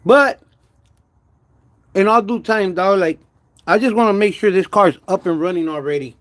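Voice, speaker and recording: A man with a slurred, wet lisp from missing front teeth, chatting casually and haltingly in slangy speech as a car vlogger. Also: high-pitched. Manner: halting, stammered repetitions with pauses to manage saliva; slangy, uses "homie" and "dog", drops in Spanish words. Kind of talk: casual livestream chat about car work.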